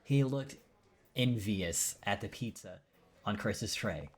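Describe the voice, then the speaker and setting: A man's voice: lowish voice, animated, takes it slowly. A man streaming himself reading a visual novel aloud, often tripping over words and correcting himself, drowsy and yawning. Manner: stumbles and self-corrects, drowsy.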